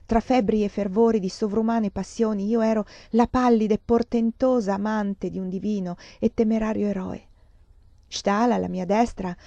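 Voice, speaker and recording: Dark-voiced woman reading a novel. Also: mid-range voice, no echo. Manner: expressive, dramatic. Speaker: reader. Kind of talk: literary audiobook reading. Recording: dull muffled sound.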